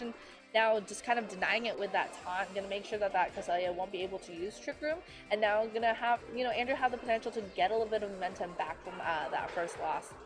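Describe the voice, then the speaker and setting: Female esports caster, hoarse from a long day, casual filler-heavy play-by-play over background music. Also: mid-range voice. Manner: chatty, filler-heavy, quick self-corrections. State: tired, losing her voice. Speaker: esports commentator. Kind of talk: live play-by-play commentary.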